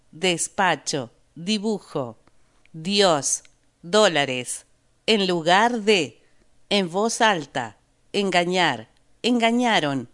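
A woman teacher reading a word list and a story aloud in a clear, deliberate way for learners. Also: on the low side, fairly bright tone. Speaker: language teacher. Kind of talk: slow scripted narration for learners.

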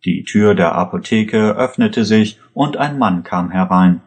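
A man reading a story as an audiobook narrator in an even, measured way. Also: fairly low pitch.

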